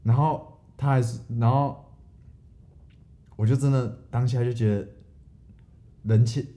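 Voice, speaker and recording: A man's voice: mid-range voice, fairly even intonation, measured pace, dark tone. A young man with a Taiwanese Mandarin accent, chatting easily as podcast co-host, often restarting his sentences. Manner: easygoing, stammering restarts. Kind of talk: casual storytelling chat.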